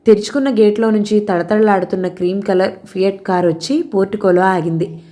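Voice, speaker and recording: Mellow-voiced woman reading a novel. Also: mid-range voice. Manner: steady, measured storytelling. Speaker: audio novel narrator. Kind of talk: scripted novel narration.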